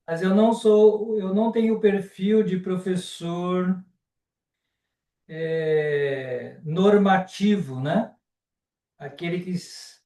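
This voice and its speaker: A man with a Brazilian Portuguese accent teaching a live online class, unhurried and often ending sentences with a checking question. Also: high-pitched, mellow, recorded from a distance. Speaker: Sanskrit teacher. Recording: roomy and off-mic.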